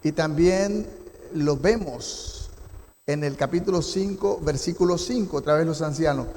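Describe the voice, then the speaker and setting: A man's voice: on the high side, a little slow, darkish tone. A male pastor leads a Bible study, reading scripture and asking the congregation questions. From Costa Rica. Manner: teaching, reads scripture and asks the congregation questions. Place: church. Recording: long church hall reverb.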